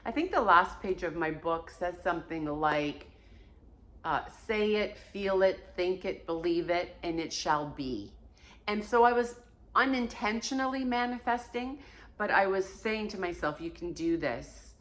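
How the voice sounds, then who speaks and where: A woman's voice: on the low side, lively intonation, unhurried. A Portuguese-born woman in her fifties speaking frankly and emphatically in a candid personal monologue from her own home. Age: 50s. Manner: frank and emphatic, swears casually. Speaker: vlogger.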